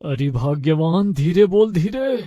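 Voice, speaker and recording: In this animated village tale, a devout poor blacksmith, voiced by a man, speaks in a high, close, dry voice. He is loud and insistent, pleading and crying out in anguish. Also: unhurried, dry recording, dull audio. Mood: whispering urgently.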